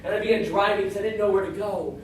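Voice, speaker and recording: A fast-talking man with a high, fairly even voice spins a comic, folksy tall tale before a live audience, telling it dramatically and acting out the dialogue. He's in a large, echoey room, and the distant recording carries heavy echo and background noise.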